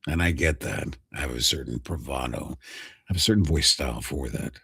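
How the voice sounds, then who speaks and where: A man hosting a casual live stream, a voice actor chatting with viewers in a deep, gravelly voice and a slow, dramatic delivery that drops to a whisper. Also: a bit bright, no echo, clean studio sound.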